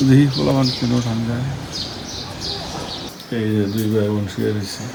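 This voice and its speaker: A man films a casual home vlog. He shows balcony plants in a low voice and coaxes his sleeping children by calling them loudly again and again. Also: normal speed, gravelly. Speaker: vlogger and father. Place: home balcony garden and bedroom. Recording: street and bird noise behind.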